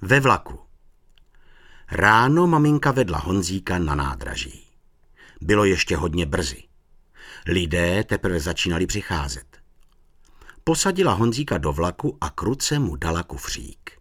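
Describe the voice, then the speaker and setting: A man's voice: low voice, sing-song, long pauses, fairly bright tone, breathy edge, no room sound, clean studio sound. A man narrating a children's storybook, reading expressively.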